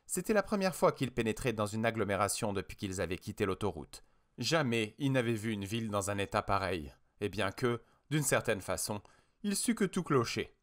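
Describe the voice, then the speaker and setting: A man reading an audiobook with expressive, dramatic narration. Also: on the low side, moderate pace. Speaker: audiobook reader.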